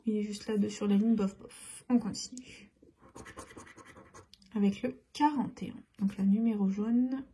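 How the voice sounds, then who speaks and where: A woman casually talking through a scratch-card game, giving chatty running commentary that often drops to a soft near-whisper. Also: medium pitch, steady tone, unhurried, long pauses, a little hiss or hum. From France.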